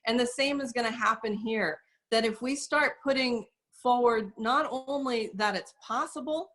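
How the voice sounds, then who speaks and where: A woman speaking as an interview guest, explaining carefully and earnestly, with frequent pauses and fillers. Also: a little high, a bit bright. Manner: measured, earnest, many fillers. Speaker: guest, soap company representative. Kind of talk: casual interview talk.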